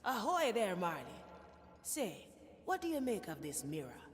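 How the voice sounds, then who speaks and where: A woman's voice: mid-range voice, wildly swooping pitch, measured pace. An actress playing a bold, wry woman pirate in a video game, breezy and questioning. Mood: wry, curious. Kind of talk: scripted game voice acting. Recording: long hall-like reverb.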